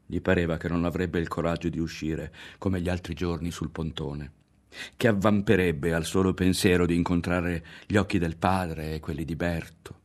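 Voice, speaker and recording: A man reading a literary novel aloud in a measured, quietly dramatic way, close to the mic. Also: low voice, steady tone. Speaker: audiobook reader.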